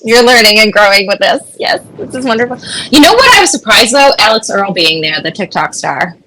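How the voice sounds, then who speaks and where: A woman's voice: medium pitch, animated, brisk, sharp tone, a little hiss or hum, poor audio. A woman co-hosting a podcast, teasing her co-hosts in casual chat. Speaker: podcast co-host.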